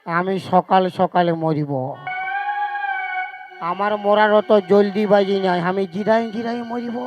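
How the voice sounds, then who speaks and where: A man acts out a melodramatic husband with a Purulia Bengali accent, forever sulking that he will die. The voice sits strikingly high and the words drag along slowly. Loud folk music plays behind him on the stage. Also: fairly even intonation, dull audio. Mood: self-pitying. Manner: whiny, melodramatic self-pity. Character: sulky husband threatening to die. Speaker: stage comedian. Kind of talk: village stage comedy.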